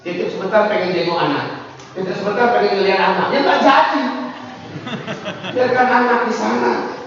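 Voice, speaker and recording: A man's voice: high-pitched, normal speed, fairly bright tone, slight background noise. A middle-aged man preaching a sermon, emphatic and joking with the audience, acting out parents and children. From Minangkabau, West Sumatra. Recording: echoey hall, distant mic, dull sound.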